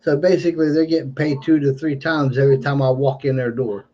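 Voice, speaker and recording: Male livestream commentator, toothless and a little slurred, soft mellow tone, emphatic and repetitive, dull lo-fi sound. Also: mid-range voice, fairly even intonation, a little fast. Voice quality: toothless, slightly slurred speech, learning to talk without teeth. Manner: emphatic, repeats phrases. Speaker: livestreamer giving political commentary. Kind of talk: unscripted political monologue. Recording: dull lo-fi stream audio.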